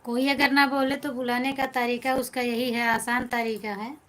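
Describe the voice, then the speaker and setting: A woman's voice: a little high, flat delivery, moderate pace, fairly bright tone. A woman with an Awadhi accent hosting a live stream, chatting casually with viewers, reading their comments aloud and teasing them back.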